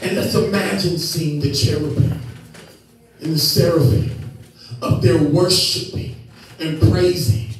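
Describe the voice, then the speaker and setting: A young pastor preaches on an indoor church stage lit by screens, handheld mic in hand, moving and gesturing as repeated refrains build his passion. His voice is slightly high, fairly even in intonation and a little slow. A distant camera captures the echoey room along with faint background noise.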